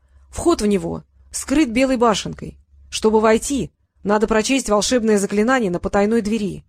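A woman's voice: medium pitch, moderate pace, a little mellow, no room sound, lightly acted. A woman reading a haughty, threatening male sphinx. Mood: grudging. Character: knowing, prickly male sphinx monster. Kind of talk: audiobook character reading.

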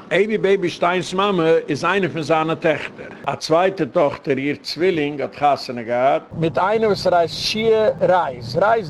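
Male rabbi, gravelly and a bit high, rambling lecture over faint traffic rumble. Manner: digressive storytelling, repeats words for emphasis. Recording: faint vehicle rumble behind.

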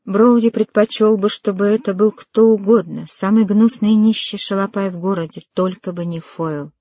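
A woman narrating a literary novel as an audiobook, with a measured and dramatic reading. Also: medium pitch, fairly even intonation, warm tone, no room sound.

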